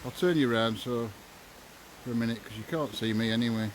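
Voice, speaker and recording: A man's voice: mid-range voice, fairly quick. A British man hosting a casual night-time live stream outdoors, chummily greeting viewers in an informal, repetitive way. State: tired from walking. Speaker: livestream host of night-time ghost hunt. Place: outdoors walking in woods at night. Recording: noisy outdoor night ambience.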